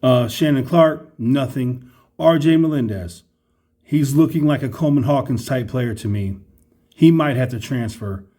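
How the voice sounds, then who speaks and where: A man's voice: mid-range voice, dark tone. A man giving blunt, exasperated halftime basketball commentary as a fan, scathing and emphatic, repeating phrases for effect.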